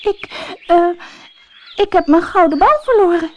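A woman voicing a spoiled, impatient young princess in a storybook reading, shrill and petulant, often sobbing. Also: big pitch swings, normal speed, highs cut off. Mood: tearful.

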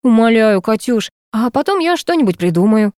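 A coaxing young footballer begging his ex for a favour, read by a woman in her own mellow voice. The delivery is dry and close, with little room sound, like an audiobook. He pleads softly and persistently. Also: fairly high pitch, big pitch swings, normal speed, no echo, voice pushed up. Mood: pleading.

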